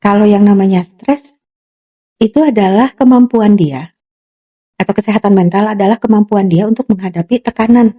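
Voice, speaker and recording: Mellow-voiced woman psychologist explaining. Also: mid-range voice, normal speed. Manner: explanatory, voices imagined remarks, frequent fillers. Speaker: psychologist guest. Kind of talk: casual podcast conversation.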